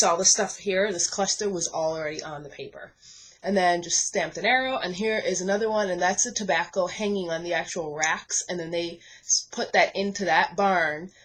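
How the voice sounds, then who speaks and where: A woman's voice: lowish voice, poor audio. Young woman from the Bahamas, chatty scrapbook walkthrough at home, frequent fillers and restarts. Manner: chatty, many ums and self-corrections. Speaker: scrapbooking vlogger. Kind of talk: casual show-and-tell walkthrough. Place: craft desk at home.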